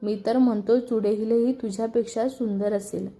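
A woman's voice: fairly high pitch, fairly even intonation, normal speed, mellow, close to an everyday voice. A woman voicing a quarrelsome young man who taunts and calls names in a storybook reading. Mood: taunting. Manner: taunting, name-calling.

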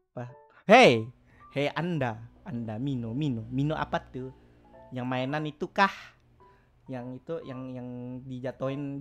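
A young man streaming casually, teasing his chat and laughing often, with sudden loud outbursts. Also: medium pitch. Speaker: VTuber streamer. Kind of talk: casual live stream chat reading viewer messages.

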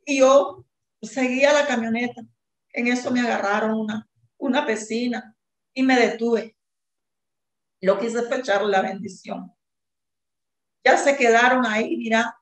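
A woman in her fifties speaks in a higher-than-usual voice, telling her story with agitation and indignation. She acts out shouted dialogue as she recounts it. The recording has a noticeable roomy echo. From Nicaragua. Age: 50s. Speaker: interviewee, mother of detained student. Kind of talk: emotional eyewitness testimony.

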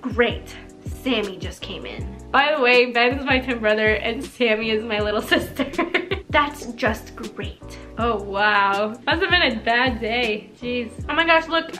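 A young woman reading her childhood diary aloud and commenting on it, amused and embarrassed, with exclamations. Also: on the high side. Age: young adult. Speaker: vlogger. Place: small decorated room indoors. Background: background music.

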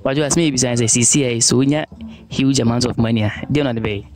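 A young man with a Ghanaian accent, interviewing passers-by outdoors on a town street, talking into a handheld phone and switching briskly between English and local phrases. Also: medium pitch, darkish tone. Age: young adult. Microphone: handheld phone held out to guests. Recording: noisy outdoor street recording.

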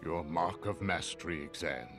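An actor playing a stern, wise old wizard master in a video game, speaking formally and with measured gravity. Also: male voice, deep voice, music in the background, natural voice. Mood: grave. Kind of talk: video game cutscene acting.

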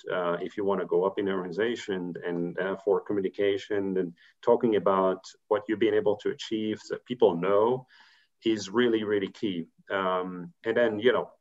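The speaker is a Belgian man in his fifties with a fairly low, darkish voice. He's a corporate treasurer sharing career advice over a video call from a room in his home, thoughtful in manner but full of fillers and restarts, and the call audio is muffled.

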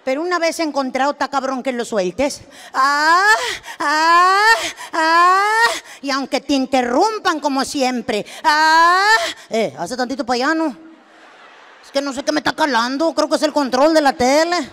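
A young adult woman with a Mexican accent doing stand-up comedy, telling a story and acting out both sides with loud exclamations. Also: sits high, brisk. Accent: Mexican Spanish. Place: stage before a live audience.

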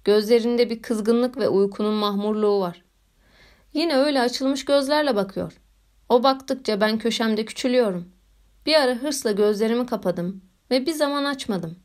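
A woman reading a story aloud as a narrator, in a measured and expressive way. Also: on the high side. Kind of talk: audiobook narration.

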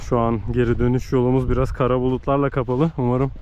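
A man's voice: mid-range voice, little pitch movement, quick pace, darkish tone, dull audio. A man chatting casually and jokily to his companion as he hosts an outdoor hiking vlog. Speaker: vlogger filming a hike. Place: outdoors on an Alpine hiking trail. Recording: noisy outdoor recording with ambience.

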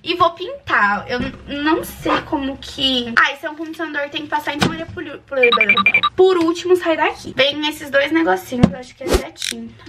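A young woman from Brazil chatting excitedly to her viewers in a casual home vlog. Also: high-pitched, brisk, loud music behind the voice. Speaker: YouTuber. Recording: distant mic with clear background noise.

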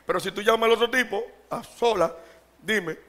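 A man preaching a sermon to his congregation, animated and joking, calling out rhetorical questions and laughing often. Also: high voice, moderate pace. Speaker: pastor.

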